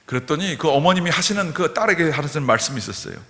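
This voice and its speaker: In a church sanctuary, a man preaches a revival-meeting sermon, earnest and repeating key phrases for emphasis. His voice is on the high side, animated, quick, bright and forceful, echoing through the reverberant hall.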